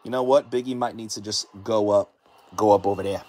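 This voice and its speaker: An American man hosts a live sports card break in a fairly low, steady, slightly mellow voice. Hyped and chatty, he rapidly calls out each card as he pulls it, leans on repetitive catchphrases, and pumps up the viewers.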